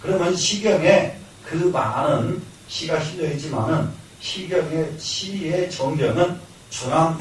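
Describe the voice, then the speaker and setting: Older monk lecturing in an echoey hall. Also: male voice, a little high, a little hiss or hum. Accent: Jeolla Korean. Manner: explains by repeating lines, asks and answers himself, chuckles. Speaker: Buddhist monk lecturing on classics. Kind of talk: classroom lecture. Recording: echoey hall, mic from far off.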